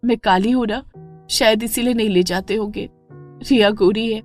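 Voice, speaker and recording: A woman voicing a gentle, mistreated young wife in an animated story, speaking softly and pleadingly. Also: a little high, moderate pace, soft background music, lightly acted. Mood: tearful. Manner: soft, pleading.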